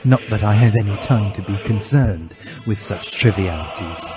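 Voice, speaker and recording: With theatrical emphasis, a man reads comic fan fiction in a dramatic, mock-serious way. His voice is fairly low and moderately paced, and music plays behind him.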